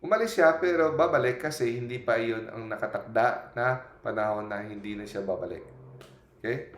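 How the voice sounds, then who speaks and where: A man's voice: on the low side, moderate pace. A man preaching a storytelling sermon, retelling scenes in quoted lines and often adding a questioning "no?". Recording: echoey room.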